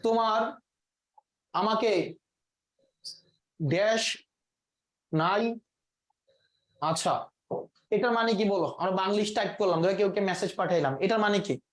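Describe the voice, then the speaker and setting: A man's voice: sits high, a little slow, pauses often. A man teaching English vocabulary in a classroom, quizzing his students and mixing in English words. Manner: asks the class quiz questions, mixes in English words. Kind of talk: live classroom lesson.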